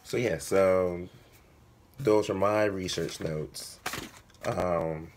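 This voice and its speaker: Male vlogger, hoarse voice giving out, slow and fairly monotone, casual delivery to viewers. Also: sits low, noisy background. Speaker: video blogger, writer. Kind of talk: casual vlog talk to viewers.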